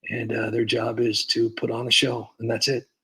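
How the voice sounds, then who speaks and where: On a comedy livestream, the male host chats casually and rambles, with lots of fillers and restarts. His medium-pitched voice is monotone yet bright and forceful, at normal speed, in a rough recording.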